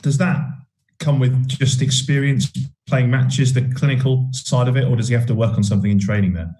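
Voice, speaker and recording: A man's voice: mid-range voice, steady tone, brisk, warm tone, rough recording. A man, a sports journalist, asking conversational questions with a few fillers at a press conference.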